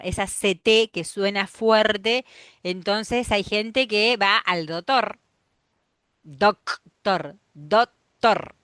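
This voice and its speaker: A woman teacher with a Rioplatense Spanish accent lecturing a class, explaining step by step, often checking in with a quick "¿sí?" and sounding out example pronunciations. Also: mid-range voice, a bit bright, no echo, clean studio sound. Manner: demonstrates pronunciations aloud.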